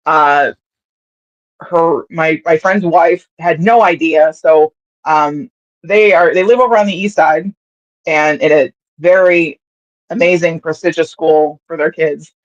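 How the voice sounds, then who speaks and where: Brief: a rambling, chatty sports podcast co-host at a mid pitch, on dull, slightly lo-fi audio. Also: steady tone, measured pace. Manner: rambling storytelling with many fillers and restarts. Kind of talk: casual sports podcast chat.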